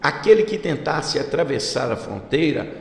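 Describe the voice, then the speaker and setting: A man's voice: on the high side, expressive, moderate pace, gravelly. A Brazilian man reading a history script as a channel host, stumbling and restarting now and then. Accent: Brazilian Portuguese. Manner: reads a script, with slips and restarts. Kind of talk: read-aloud history narration. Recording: echoey room with long reverb, faint hiss.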